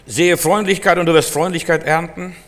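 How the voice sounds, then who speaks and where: Man, preacher, sermon, emphatic, repetitive, loud-soft swings, slightly high voice, long hall reverb. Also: steady tone, normal speed.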